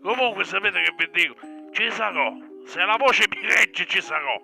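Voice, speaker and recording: A man's voice: sits high, animated, moderate pace, creaky, sharp tone, soft background music. A man calling in over the phone, rambling and teasing in crude comedic banter. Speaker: caller.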